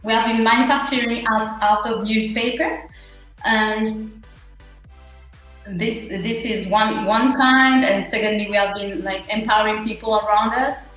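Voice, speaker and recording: A woman with a Mauritian accent answering interview questions in an earnest, halting, conversational way. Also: fairly high pitch, steady tone, a bit bright. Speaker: interview guest, small business owner. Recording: very echoey room, faint music.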